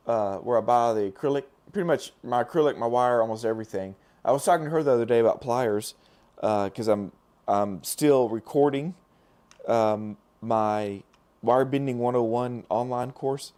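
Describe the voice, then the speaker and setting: On a relaxed live stream, a middle-aged man who is losing his voice talks hoarsely to viewers while doing dental lab work, rambling with fillers and restarts. Medium in pitch, his tone leans darkish.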